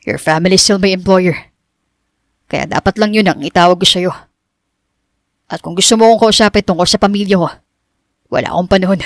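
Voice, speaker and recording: Woman voicing a cold young man in an audiobook, lowered and curt, gruff timbre. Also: fairly quick, long pauses, no room sound, clean studio sound, lightly acted. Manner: curt and cutting, mixing English in. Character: cold, bitter young rich man posing as gardener. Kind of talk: audiobook character reading.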